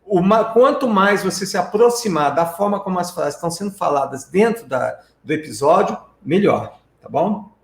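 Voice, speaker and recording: A man's voice: high voice, animated, moderate pace, vocal fry, few pauses, roomy sound. A man with a Brazilian Portuguese accent, teaching a live-streamed lesson and explaining step by step while checking in with his viewers. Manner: explanatory, tag questions to viewers. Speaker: English teacher.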